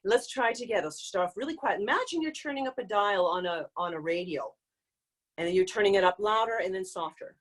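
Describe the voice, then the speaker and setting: A woman vocal coach leading a live online group singing lesson, explaining exercises and breaking into loud demonstration hoots and calls. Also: medium pitch, lively intonation, fast. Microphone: video call.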